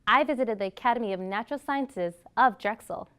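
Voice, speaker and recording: A woman's voice: on the high side, brisk, sharp tone, smooth. A woman reading scripted news introductions as a presenter.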